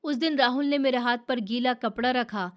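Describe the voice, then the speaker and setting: A woman telling a sad family story in the first person, in a soft, emotional storytelling manner. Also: on the high side, moderate pace. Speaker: narrator.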